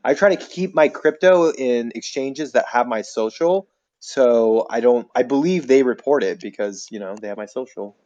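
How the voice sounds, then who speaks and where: A man's voice: medium pitch, moderate pace, a little mellow, lo-fi sound. A man hosting a livestream, chatting casually and reading viewer comments aloud. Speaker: livestream host.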